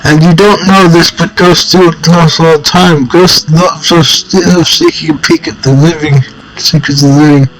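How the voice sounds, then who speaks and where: A man with a slightly high, a bit bright voice reads a text adventure game aloud at normal speed and in a steady tone, adding amused side comments. He clears his throat now and then and rereads phrases he trips over. The recording is rough.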